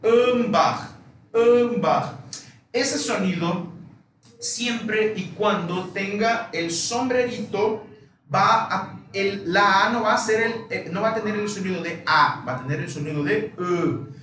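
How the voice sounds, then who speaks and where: A male teacher speaks very slowly and patiently, repeating each example word carefully. He is recorded from a distance on a phone. The room is bare and echoes strongly, with faint room noise behind him. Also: high-pitched, sharp tone. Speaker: Portuguese teacher. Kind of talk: live online language lesson.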